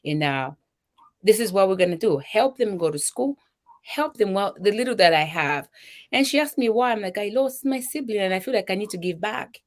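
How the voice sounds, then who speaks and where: A woman's voice: mid-range voice, normal speed. Zambian woman telling a personal story. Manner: emotional, animated storytelling with voiced quotes. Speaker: guest, charity founder.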